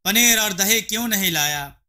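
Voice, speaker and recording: A man's voice: high-pitched, animated, normal speed, bright, forceful tone, heavily acted. A man voicing an arrogant, harsh rich landlord who scolds and sneers at those beneath him. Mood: exasperated. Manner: scolding, contemptuous.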